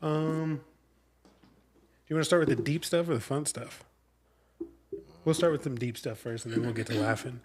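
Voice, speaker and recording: A man in his thirties hosts a casual podcast chat at an ordinary pitch. He talks loose and jokey, swearing freely, with a faint hum of ambience under him. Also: normal speed, pauses often. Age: 30s. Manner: loose, profane, joking. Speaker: podcast host.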